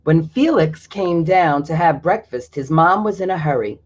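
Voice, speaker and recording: A man reads a children's picture book at normal speed, his voice a little high and expressive, breaking off at times to explain things to the young audience. It's a dull, lo-fi recording.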